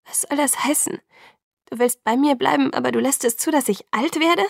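A woman voicing an anxious, emotional teenage girl in an audiobook, her lines pitched higher and pressing. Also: normal speed, vocal fry, no echo, studio quality. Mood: upset. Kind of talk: audiobook reading.

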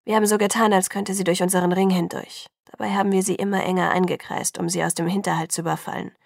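A woman voicing a hostile, barely restrained young man in an audiobook, pitched a little low. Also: little pitch movement, fast, creaky, no echo, studio quality. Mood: tense.

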